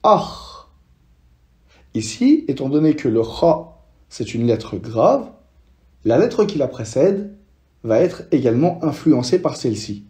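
A man teaching how to read Arabic letters, speaking slowly and patiently and repeating each sound so learners can say it after him. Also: medium pitch, big pitch swings, mellow. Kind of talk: slow step-by-step language lesson.

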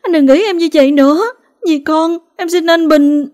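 A terrified young wife pleading for her life in a high, tearful voice, put on by a woman reading a ghost story. Her pleas climb far above the narrator's own pitch. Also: steady tone, moderate pace, a little mellow. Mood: desperate pleading.

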